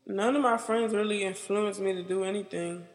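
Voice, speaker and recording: A woman's voice: medium pitch, fairly even intonation, loud music behind the voice. Young woman interviewee who rambles and hesitates, dropping "like" constantly, with a long reverb on her voice. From United States. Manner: halting and rambling, filled with "like". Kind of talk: personal interview.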